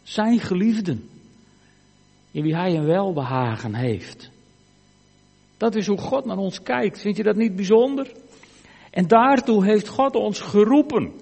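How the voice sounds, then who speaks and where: A man preaching a sermon in a church, earnest, moving between emphatic lines and hushed, quiet ones. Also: sits high, animated, a little slow, vocal fry, long pauses, slightly rough. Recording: church hall reverb.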